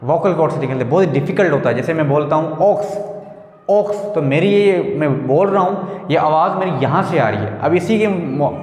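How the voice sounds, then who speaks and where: Guy teaching english grammar, kinda high voice, repeats stuff, lots of room echo. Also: expressive, fairly quick, a little mellow. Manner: explains step by step, repeats words and asks the listener questions. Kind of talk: explaining a grammar lesson. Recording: echoey room with long reverb.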